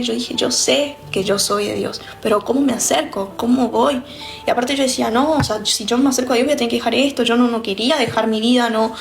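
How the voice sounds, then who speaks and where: Young Argentine woman, earnest, reflective testimony delivery, voice a touch high, soft music bed underneath. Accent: Argentine Spanish. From Misiones, Argentina. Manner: earnest and reflective, with frequent restarts. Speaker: person giving a faith testimony. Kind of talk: personal religious testimony.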